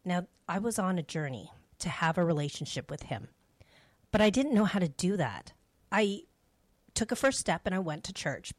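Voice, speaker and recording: A middle-aged Canadian woman hosts a faith radio show, sharing personal testimony in a conversational, reflective and earnest manner. Her voice sits on the low side with big pitch swings at a normal speed, and there's no echo.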